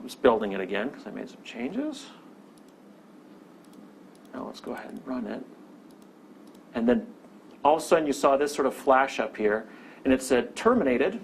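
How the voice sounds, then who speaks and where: A man's voice: mid-range voice, slight background noise. A man teaching a programming lesson over a screen recording, explaining step by step and often checking in with "okay?". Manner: explanatory, with many "okay?" check-ins and restarts. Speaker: programming instructor.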